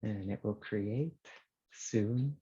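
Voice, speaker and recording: A man presenting a software demo live on a video call, talking casually and hesitantly with many fillers, captured in a screen recording. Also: fairly low pitch, drawn-out words, breathy edge, muffled recording. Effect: screen-recorded video call audio.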